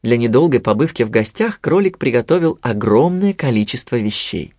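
Storybook narrator, man, lively lilting delivery. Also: medium pitch, a little fast, no echo, studio quality. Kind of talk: storybook reading.

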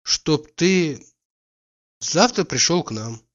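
A man's voice: on the high side, expressive, takes it slowly, a bit bright, voice pushed up. A man putting on a teasing carefree young woman. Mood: playful. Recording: dull lo-fi recording.

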